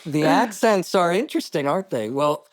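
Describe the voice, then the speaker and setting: A man, a writer-director being interviewed, telling stories in an animated way with quick asides and restarts. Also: a little high, no room sound, clean studio sound. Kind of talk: casual interview talk.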